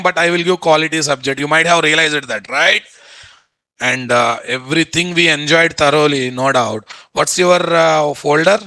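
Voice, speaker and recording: Blunt Telugu-accented man teaching, bright voice. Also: fairly high pitch, no room sound. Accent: Telugu Indian. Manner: blunt, scolding, repeats phrases and rhetorical questions. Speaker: software instructor. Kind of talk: live online class, informal teaching with screen share. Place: indoor room, online video call.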